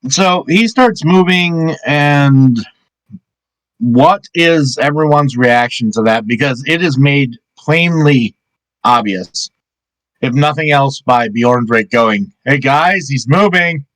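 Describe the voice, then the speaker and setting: Guy running a d&d game, slow easy narration, normal pitch, home call mic. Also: fairly bright tone, dry recording, poor audio. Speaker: game master.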